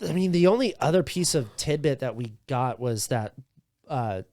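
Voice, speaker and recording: A man co-hosting a casual podcast, animated and swearing casually as he chats. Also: medium pitch, normal speed, no room sound, studio quality. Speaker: podcast co-host. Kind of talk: casual chat.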